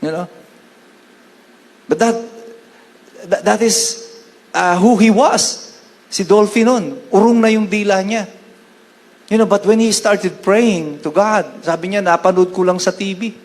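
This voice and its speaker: A Filipino pastor delivers a sermon, mixing Tagalog and English and easing into slow, deliberate scripture readings. His voice sits high for a man. The room behind him adds a long, lingering reverb. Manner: switches between Tagalog and English, quotes scripture slowly.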